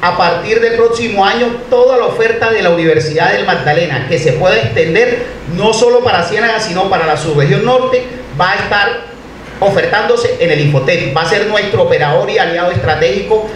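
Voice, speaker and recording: A man's voice: high voice, brisk. A middle-aged man with a Colombian Caribbean Spanish accent, giving a formal public speech at a podium. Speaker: university official giving a speech. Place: indoor hall, at a podium. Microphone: podium microphones, heard from a distant camera. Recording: echoey hall, distant mic, faint noise.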